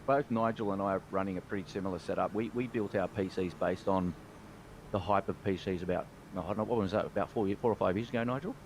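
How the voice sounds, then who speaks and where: Gamer, lowish voice, chatty and easygoing, voice-chat mic. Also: male voice, fast, slight background noise. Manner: chatty, explains tech specs, reads chat aloud. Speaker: guest pilot. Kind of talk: casual chat over voice call.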